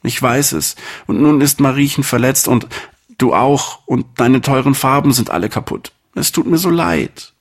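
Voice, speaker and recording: A man's voice: mid-range voice, animated, moderate pace, voice pushed up, lightly acted. A man doing a bleating, sorry little lamb. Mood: remorseful, pleading. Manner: bleating, pleading and apologetic. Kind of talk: storybook reading.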